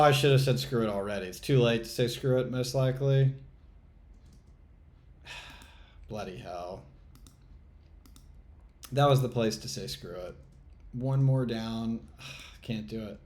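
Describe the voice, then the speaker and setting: A man's voice: medium pitch, darkish tone. Man muttering frustrated trading commentary. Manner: muttering exasperated self-talk, swearing, sighs. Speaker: trading channel host. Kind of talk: live commentary while playing a trading game.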